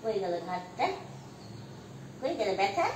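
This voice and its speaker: A woman's voice: medium pitch, big pitch swings, a little slow, far from the mic. Woman calling to her dogs, off-mic. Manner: coaxing, scolding, calling to dogs. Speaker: vlogger caring for stray dogs. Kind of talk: casual chat with pets. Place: outdoors with dogs. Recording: roomy, off-mic phone audio with loud background noise.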